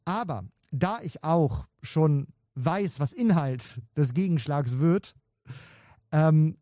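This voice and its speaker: A man's voice: fairly high pitch, expressive, takes it slowly, dark tone, no echo, studio quality. A man co-hosting a commentary video, sharing insider gossip in a hesitant, casual way with many fillers. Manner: hesitant, filler-heavy, chuckling. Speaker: co-host sharing insider info.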